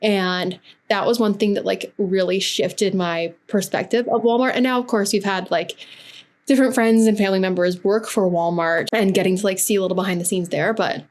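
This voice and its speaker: A woman's voice: medium pitch, steady tone, brisk, a little mellow. A woman hosting a podcast interview, talking conversationally with frequent fillers. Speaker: podcast host. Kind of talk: casual interview chat.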